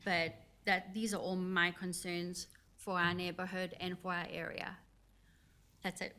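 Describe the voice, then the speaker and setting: A woman's voice: on the low side, level tone, a little slow, bright, forceful tone. A woman with a South African accent speaking as a resident at a county council public hearing, earnest and concerned. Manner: earnest, concerned, with small laughs. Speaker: resident giving public comment. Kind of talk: public comment at a council meeting.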